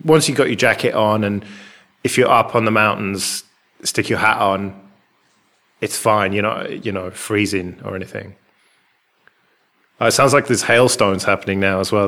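An English man chatting casually and rambling a bit, recorded with a big hall echo in a large, open flat with a concrete floor. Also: fairly low pitch, gravelly. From England. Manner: rambling and chatty, with many fillers. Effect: big hall echo from an enormous, bare room. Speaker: podcast co-host. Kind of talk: casual chat.

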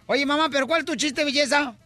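A man's voice: very high voice, fast talker, bright, forceful tone, no room sound, faint music behind. A man hosting a rowdy radio comedy show, teasing and flirting with callers.

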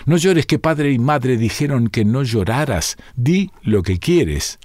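A man's voice: mid-range voice, expressive, slow pace, darkish tone, no room sound, studio quality. A man voicing an anxious carer who soothes a crying child in a storybook reading. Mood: soothing. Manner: soothing, pleading.

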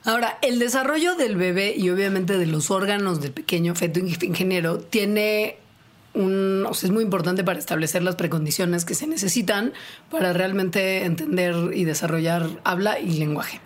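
A woman's voice: medium pitch, moderate pace, a little hiss or hum. A woman co-hosting a casual science podcast, playful and jokey. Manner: playful, jokey, bursts into put-on voices. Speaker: podcast co-host.

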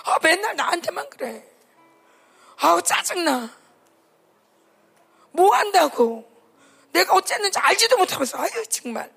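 A woman's voice: very high voice, very animated, a little slow, vocal fry, pauses often, a bit bright, faint music behind, pitched above the performer's own voice, full character voice. A woman preacher playing a sulky, defiant teenager who complains and whines. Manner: whiny, complaining.

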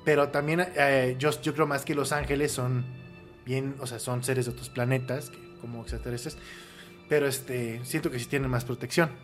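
A man's voice: mid-range voice, steady tone, moderate pace, soft background music. A man who is a guest on a podcast, chatting casually and chiming in with short agreeing remarks. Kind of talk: casual chat.

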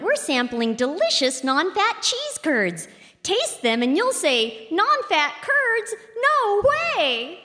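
A woman playing a cheery, increasingly frazzled supermarket announcer speaking over a store PA system, with chirpy announcer patter and deadpan asides. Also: high-pitched, full character voice. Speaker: sketch performer. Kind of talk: live radio sketch comedy. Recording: echoey hall with music behind.

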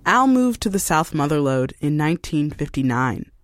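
A man giving scripted, measured documentary-style narration of a true story. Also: a little high, very animated, a bit bright, dry recording, studio quality. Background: music.

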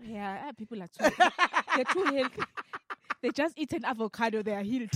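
A woman's voice: on the high side, expressive, normal speed, a bit bright, a little hiss or hum. A woman co-hosting a podcast, teasing and laughing often in casual chat. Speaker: podcast co-host. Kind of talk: casual banter.

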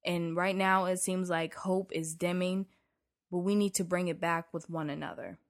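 A woman's voice: fairly low pitch, fairly even intonation, moderate pace. A woman co-hosting a podcast, speaking in an emotional, heartfelt and pleading way. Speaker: podcast co-host. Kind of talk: casual podcast chat.

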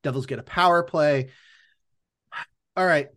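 A man's voice: a little high, a little slow, fairly bright tone. A man co-hosting a sports podcast with casual analysis, emphatic and repeating words for stress.

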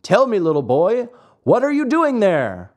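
A narrator playing kindly, measured storybook pigeon. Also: mid-range voice, very animated, darkish tone. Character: kindly, wise grown pigeon addressing a boy.

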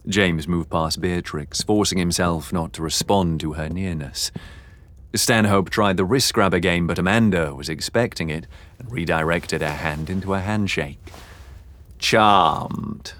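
A man narrating an audiobook novel in a measured, dramatic reading. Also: low-pitched, dry recording. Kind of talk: scripted narration.

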